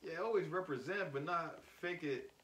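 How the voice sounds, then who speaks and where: A man's voice: a little high, normal speed, fairly bright tone, slight background noise. A man co-hosting a podcast in casual chat, rambling and joking with filler words. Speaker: podcast co-host. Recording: echoey room, mic at a distance.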